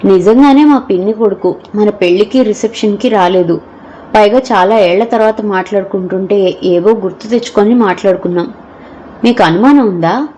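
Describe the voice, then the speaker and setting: A young wife from an audio novel, gentle and hurt, explaining herself in earnest, pleading tones, read by a woman narrator. Her voice sits at an ordinary middle pitch. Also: moderate pace, a little hiss or hum, natural voice.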